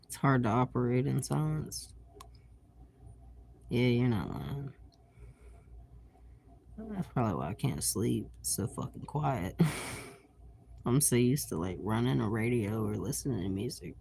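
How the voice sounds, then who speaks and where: A man's voice: medium pitch, sing-song, measured pace, vocal fry, long pauses, darkish tone, a little hiss or hum. A man livestreaming late at night from his bed on his phone, talking in a sleepy, laid-back way and swearing a lot. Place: bedroom, lying in bed at night.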